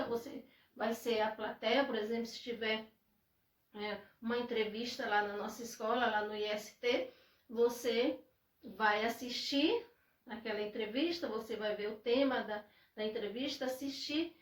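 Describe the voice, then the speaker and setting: A woman teacher with a Brazilian accent walks her students through a lesson, restating each point and asking little check-in questions as she goes. Her voice sits high. She sounds a little distant from the mic, in a room with a noticeable echo. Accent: Brazilian Portuguese. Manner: explains slowly, repeats points, asks "né?" often. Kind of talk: classroom lesson.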